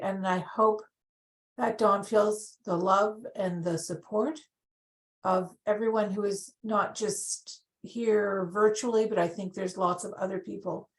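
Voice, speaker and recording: A woman giving a heartfelt, steady message of support over a video call. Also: medium pitch, echoey room.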